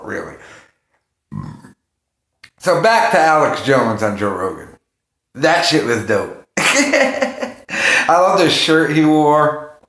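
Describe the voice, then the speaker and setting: A man's voice: medium pitch, a bit bright. A man chatting casually and profanely as a livestream host, rambling and jumping from topic to topic. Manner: rambling, jumps between topics. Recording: roomy, echoing room sound.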